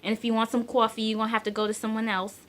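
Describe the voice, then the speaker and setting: A woman in her twenties from Central New Jersey with a light local accent, chatting playfully about herself in a casual vlog, laughing often and filling pauses with ums. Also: fairly high pitch, flat delivery. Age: 20s. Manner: says she is shy. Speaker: vlogger. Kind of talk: casual chat answering tag questions.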